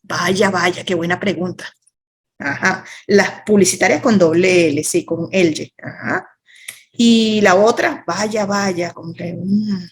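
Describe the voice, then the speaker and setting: A Venezuelan woman with a slightly husky, breathy voice leads an online writing class over a video call. She talks in a loose, chatty way and keeps dropping playful asides to her students. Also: lowish voice, slow. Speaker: creative writing teacher. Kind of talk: online workshop teaching.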